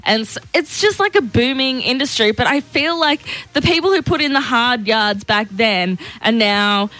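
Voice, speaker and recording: A woman's voice: on the high side, lively intonation, moderate pace, pushed and bright. A woman co-hosting a breakfast radio show, chatting with opinionated, filler-heavy banter.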